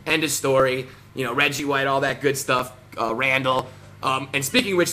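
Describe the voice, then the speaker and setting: A man's voice: on the high side, pushed and bright. A man in his thirties with a New Jersey accent, ranting combatively to camera with lots of fillers. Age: 30s. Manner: combative, boastful, many fillers. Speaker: vlogger.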